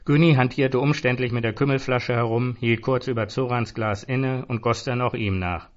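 A man narrating a comic story in a dry, even manner. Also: medium pitch, normal speed. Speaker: audiobook narrator. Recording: dull lo-fi recording.

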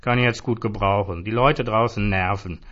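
A man's voice: on the low side, fairly even intonation, normal speed, a bit bright, highs cut off, lightly acted. A man voicing a casual, weary Jesus figure sitting at a pub bar. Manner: casual, sighing, offhand.

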